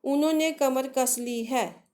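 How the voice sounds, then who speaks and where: Slow, patient woman teaching grammar. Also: high voice, warm tone. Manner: slow, patient, asks questions and answers them herself; addresses pupils affectionately. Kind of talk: Hindi grammar lesson for children.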